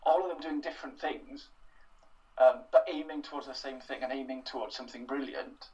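Recorded far from the mic on low-quality audio, a young Welsh writer responds to casual interview questions. His mid-range voice is brisk, a little mellow, and fairly even in intonation, and he's reflective and self-deprecating, using many fillers and restarts.

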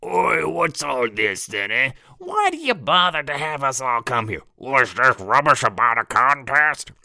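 A man voicing a rough male street thug, gruff and mocking. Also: mid-range voice, big pitch swings, measured pace, pushed and bright, dry recording, clean studio sound, voice pushed up, full character voice.

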